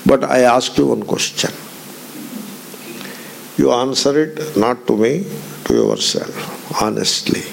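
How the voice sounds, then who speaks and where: A man's voice: mid-range voice, takes it slowly, creaky, long pauses, a little hiss or hum, low-quality recording. A man giving a spiritual discourse, emphatic, repeating phrases and putting pointed questions to his listeners. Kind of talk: Vedanta discourse.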